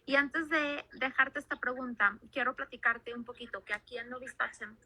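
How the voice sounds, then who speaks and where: A woman's voice: high-pitched, normal speed, pushed and bright. A woman, hosting the interview for her school and chatting as she asks questions. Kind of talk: interview talk.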